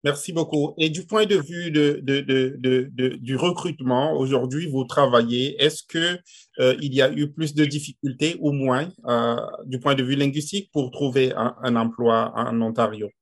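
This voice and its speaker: A man's voice: medium pitch, steady tone, moderate pace. A man interviewing a guest, asking long questions broken up by many fillers and repeated words.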